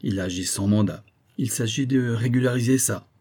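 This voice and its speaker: A man's voice: mid-range voice, normal speed, warm tone, slightly rough, natural voice. Man as a cocky cheerful amateur sleuth. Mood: lively.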